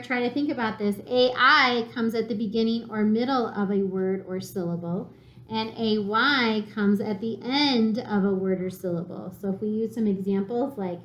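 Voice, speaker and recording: A woman teacher giving a recorded phonics lesson to young children, sounding out letters slowly and encouragingly. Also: mid-range voice, dull audio. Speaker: elementary school teacher. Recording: echoey room.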